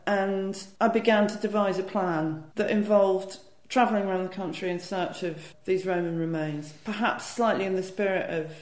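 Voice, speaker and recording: A woman's voice: medium pitch, steady tone, normal speed, few pauses, darkish tone. A British woman author answering interview questions in a thoughtful, self-deprecating way, often restarting her sentences. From Britain. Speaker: author and guest. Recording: roomy echo.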